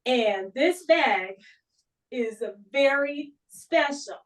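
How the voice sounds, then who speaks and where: Slow-talking woman telling a personal story. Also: sits high, lively intonation, distant mic, rough recording. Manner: slow, unhurried and conversational. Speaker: guest speaker. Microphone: video call.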